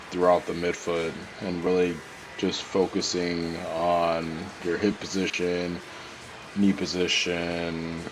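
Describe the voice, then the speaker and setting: Narrating his own training clips in a relaxed voice-over, a young powerlifter speaks in a very low voice, congested from a cold that's on its way out. He clears his throat repeatedly and drifts between topics, full of fillers and false starts, over a faint background hiss.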